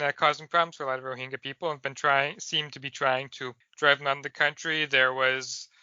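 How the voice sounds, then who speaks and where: Male podcast host, very bright and crisp voice, measured delivery, dry close sound. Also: on the high side, dry recording, lo-fi sound. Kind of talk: podcast interview hosting.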